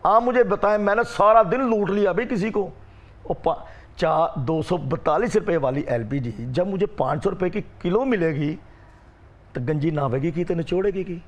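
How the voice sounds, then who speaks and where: A man, a rickshaw union representative arguing forcefully in a studio debate and insisting on being heard. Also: high voice, moderate pace.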